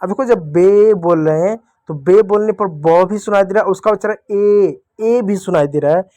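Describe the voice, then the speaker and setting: A man's voice: sits high, warm tone, no echo. Patient man teaching children to read. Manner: patient, repeats syllables slowly and asks questions back. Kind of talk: children's Hindi reading lesson.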